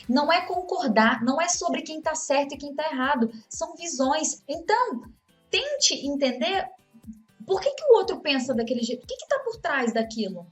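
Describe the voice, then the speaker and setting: A Brazilian woman teaching a course on communication in relationships, talking conversationally and acting out example dialogues. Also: high-pitched. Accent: Brazilian Portuguese. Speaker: course instructor. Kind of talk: motivational talk on communication.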